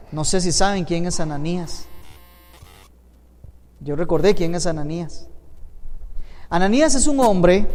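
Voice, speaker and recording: A man's voice: sits high, a little mellow, big-room sound. A man with a Costa Rican accent, a pastor teaching a Bible class to his congregation, emphatic and asking them questions. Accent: Costa Rican Spanish. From Costa Rica. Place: church hall.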